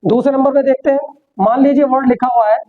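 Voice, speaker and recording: A woman's voice: high voice, fairly even intonation. A woman teaching an English pronunciation lesson, mixing Hindi and English, repeating words and asking the class questions. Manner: repetitive, asks the class questions; slows down sharply for English sentences. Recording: dull, lo-fi sound.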